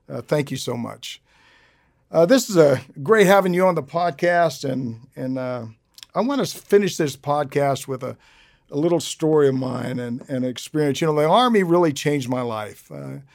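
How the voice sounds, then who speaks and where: Gravelly older American man hosting. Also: mid-range voice, darkish tone, no room sound, clean studio sound. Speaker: podcast host, retired Army sergeant major. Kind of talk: podcast hosting with personal anecdotes.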